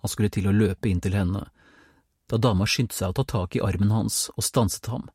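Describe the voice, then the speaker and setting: Guy reading an audiobook, low husky voice, calm and measured, super dry close mic. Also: no room sound. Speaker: audiobook narrator. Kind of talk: scripted narration.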